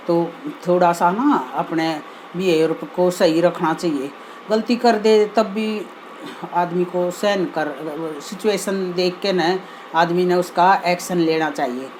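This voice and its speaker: A woman's voice: on the low side, darkish tone, slight background noise, low-quality recording. A woman telling a homely moral story in a chatty, folksy way, often tossing in little asides to her listeners.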